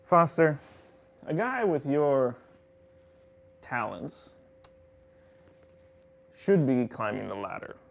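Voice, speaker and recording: An actor playing a petty, pompous, vindictive office boss who scolds melodramatically in a comedy drama. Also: male voice, medium pitch, sing-song, slow pace, creaky, pauses often, full character voice. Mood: condescending, scolding. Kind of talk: comedic audio-drama dialogue.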